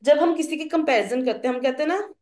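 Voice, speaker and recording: A young woman teacher, explaining grammar slowly and asking her students questions. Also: sits high, a little mellow. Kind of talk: classroom grammar lesson. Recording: echoey room.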